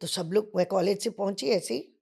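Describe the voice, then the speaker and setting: An older woman from Bengal, a dancer guest on a podcast, telling lively anecdotes in conversation and acting out other people's voices, with English phrases mixed in. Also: medium pitch, brisk, vocal fry, husky. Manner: mixes English phrases into her speech. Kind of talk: storytelling interview.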